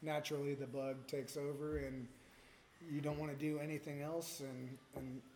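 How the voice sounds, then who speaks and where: A man speaks as a brewer guest, animated and laughing as he tells stories. His voice sits a little high for a man. The recording is roomy, with faint noise underneath. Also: moderate pace. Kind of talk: casual interview.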